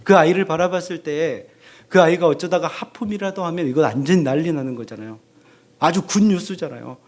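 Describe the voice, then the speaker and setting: Animated male pastor preaching a sermon. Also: on the high side, a little fast. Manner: animated, acts out quoted parents' voices. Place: church sanctuary.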